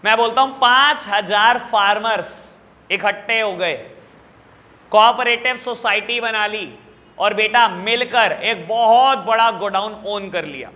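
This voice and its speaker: Man, high bright voice, teacher lecturing to class, long hall reverb. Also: a little slow. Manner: affectionate, calls students "beta" and "babu" constantly; asks the class questions and answers them himself. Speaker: commerce teacher.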